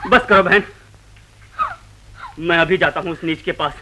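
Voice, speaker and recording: An actor playing a loyal friend and fiery patriot leader, in impassioned 1940s film acting. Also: male voice, on the high side, unhurried, close to an everyday voice. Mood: outraged. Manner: impassioned, declamatory. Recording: very noisy old film soundtrack.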